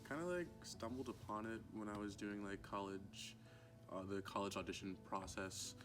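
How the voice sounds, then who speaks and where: Young man, low monotone, easygoing and hesitant. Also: normal speed. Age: young adult. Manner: laid-back, many fillers. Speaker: acting student. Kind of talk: casual interview. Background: background music.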